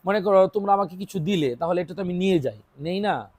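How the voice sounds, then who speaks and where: A woman's voice: fairly low pitch, fast talker, darkish tone, no echo. A woman from Bangladesh teaching English to young children. She quizzes her pupils and repeats each English phrase alongside its Bengali meaning. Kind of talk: classroom teaching. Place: small classroom with children.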